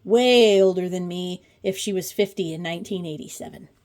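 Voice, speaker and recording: A woman in her forties hosts a craft channel, casually commenting as she flips through a pattern book and dropping chatty, wry asides. Her voice is fairly low and darkish in tone, at a moderate pace.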